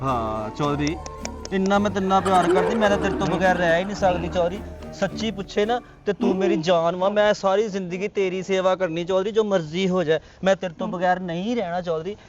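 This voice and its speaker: A man's voice: high-pitched, a little fast, over music, voice pushed up, natural voice. A man playing a flirty, lovesick village woman in a comic sketch, coaxing and pleading with theatrical sighs. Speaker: comedian.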